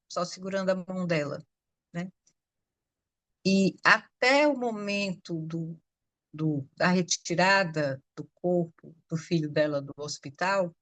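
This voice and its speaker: A Brazilian woman who works as a nurse, telling a personal story on a podcast in a reflective way with many pauses. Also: fairly low pitch, fairly bright tone, no room sound. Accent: Brazilian Portuguese. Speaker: nurse and healthcare worker.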